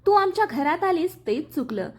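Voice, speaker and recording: A woman's voice: very high voice, very animated, moderate pace, pitched above the performer's own voice. A woman voicing a scheming sister-in-law, cold and contemptuous, in a story reading. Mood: cold spite.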